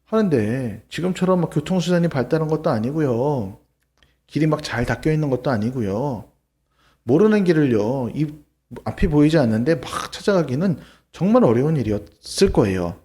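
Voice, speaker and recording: A male pastor preaches to children, telling the story with animated energy and asking the young listeners questions. His voice sits fairly high for a man. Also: moderate pace.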